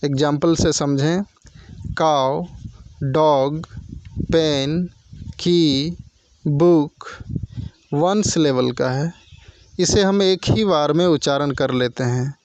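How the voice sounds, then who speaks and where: A man teaching basic grammar in a slow, explanatory lesson. He reads English definitions and then explains them. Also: fairly high pitch, darkish tone, no room sound, dull audio.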